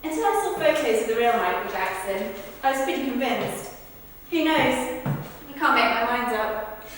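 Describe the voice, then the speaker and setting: This woman, whose voice is on the high side and expressive, keeps a moderate pace with a lightly acted quality. She's rehearsing verbatim witness accounts for the stage, conversational yet projected, recorded distantly in an echoey hall with faint noise.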